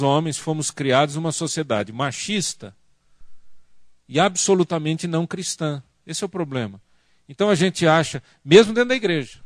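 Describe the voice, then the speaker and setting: A man with a Brazilian Portuguese accent giving a lively church workshop talk on family, asking the audience questions and acting out family arguments. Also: on the high side, dry recording, studio quality. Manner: animated, acts out quoted family arguments. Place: church conference hall.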